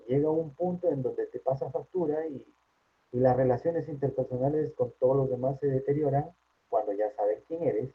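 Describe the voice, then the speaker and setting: A man with a Peruvian Spanish accent, a psychologist giving an informal workplace talk in a chatty way, often checking in with a quick question tag. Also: mid-range voice, slightly rough. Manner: conversational, frequent tag questions. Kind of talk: informal lecture. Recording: tinny phone-like line.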